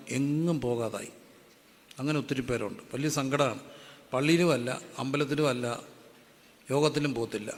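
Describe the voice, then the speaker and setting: Preaching man in an echoey hall. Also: mid-range voice. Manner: call-and-response preaching, asks the congregation to repeat verses aloud. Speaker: pastor. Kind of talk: sermon. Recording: echoey hall with faint ambient noise.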